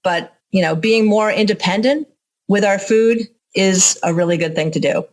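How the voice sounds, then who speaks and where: As an interview guest, this organic farmer and educator speaks at a normal speed in a medium-pitched voice with an American accent. Her conversational answers are informal and candid as she explains her points.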